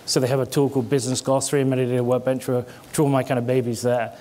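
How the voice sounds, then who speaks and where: A middle-aged man from Britain gives a conversational conference talk on stage through a headset mic, his British accent tinged with an American twang. His mid-range voice is warm yet flat and very fast, and he gestures as he explains and restarts words.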